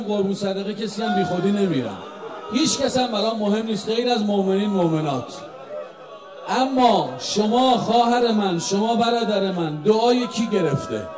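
A man preaching a sermon to a live congregation, swinging between loud chanted lines and hushed, pleading talk. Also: high voice. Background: crowd of mourners.

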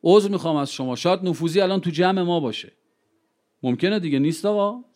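A man with a somewhat high voice addressing a gathering in an impassioned speech. He keeps throwing rhetorical questions at his listeners. He drags out key phrases slowly for weight, then slips back into brisk storytelling with quoted exchanges. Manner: slows down to stress key phrases; lively storytelling with quoted dialogue. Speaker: public speaker addressing a gathering.

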